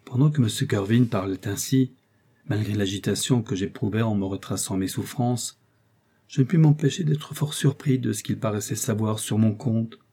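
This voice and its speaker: A man reading a classic novel aloud as scripted narration, measured, with dialogue voiced more intensely. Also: on the low side, mellow, husky. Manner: measured, rising into emotional outbursts in dialogue. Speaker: audiobook reader.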